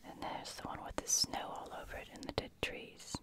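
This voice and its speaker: An ASMR host in a croaky, soft unvoiced whisper, musing over paintings while paging through a book and reading passages aloud. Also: brisk.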